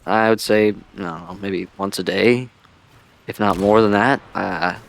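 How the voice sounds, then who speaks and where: This streamer and video creator talks at a measured pace with vocal fry in a lowish voice, giving easygoing, rambling gaming vlog commentary. He records on a headset-style microphone that deliberately sounds old-school.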